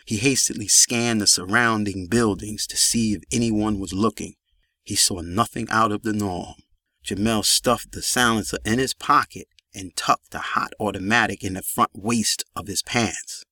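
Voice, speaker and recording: A man reads a gritty crime story as an audiobook, keeping an even, steady storytelling manner. His voice is bright and crisp, recorded dry and close with no room around it. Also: on the low side, no echo. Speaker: narrator. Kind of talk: audiobook narration.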